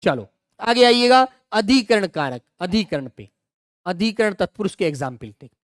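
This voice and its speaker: A middle-aged male teacher running an online exam-prep grammar class, repeating each example and coaxing students to answer quickly. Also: sits high, sing-song, no echo, clean studio sound.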